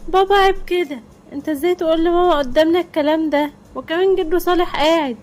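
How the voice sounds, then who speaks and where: Lady putting on a squeaky loud little egyptian boy, cheeky, quick talker. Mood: teasing. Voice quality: high, loud childish voice. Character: young boy, cheeky and teasing.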